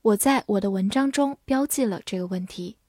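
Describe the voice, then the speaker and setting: A woman teaching an English vocabulary lesson, spelling words letter by letter and reading example sentences slowly. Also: medium pitch, darkish tone, no room sound, studio quality.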